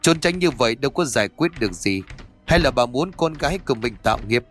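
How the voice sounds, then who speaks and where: A man voicing a calm, stern exorcist who speaks in a measured, admonishing way. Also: medium pitch, faint music behind, close to an everyday voice.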